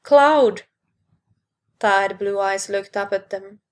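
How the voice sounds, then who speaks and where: Slow, measured woman reading a story. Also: medium pitch, little pitch movement. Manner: unhurried reading, raising her voice for quoted lines. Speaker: narrator. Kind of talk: fan fiction audiobook reading.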